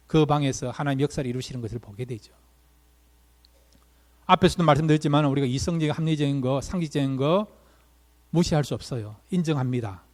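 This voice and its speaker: A man's voice: on the high side, darkish tone. A male pastor preaching a Sunday sermon and addressing the congregation with one rhetorical question after another. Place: church sanctuary. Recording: long reverb of a church hall.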